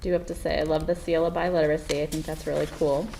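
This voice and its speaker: Woman meeting chair, muffled like a bucket over her head, low gravelly voice, hesitant restarts. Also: little pitch movement, fast, warm tone. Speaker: committee chair. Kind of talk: public meeting discussion. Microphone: laptop microphone across the room. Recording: noisy remote meeting audio from a laptop mic.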